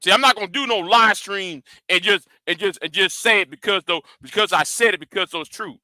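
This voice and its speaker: A high-voiced, forceful YouTube commentator rants at his critics in a commentary vlog, talking a little fast. He's profane and confrontational, repeating and restarting words as he challenges his audience head-on, on a dry recording.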